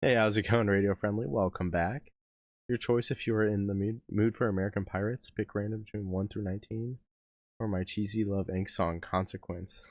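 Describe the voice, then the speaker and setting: Hoarse-voiced man chatting on a live stream. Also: fairly low pitch, steady tone, a little fast, no echo. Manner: rambling, self-interrupting, laughs often. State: losing his voice. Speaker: music reaction streamer. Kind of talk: casual live-stream chat.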